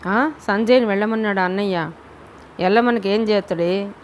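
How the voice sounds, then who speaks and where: A woman voicing a greedy, harsh, sarcastic middle-aged father who speaks slowly in a rustic, mocking way. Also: medium pitch, slight background noise, close to an everyday voice. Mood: scornful.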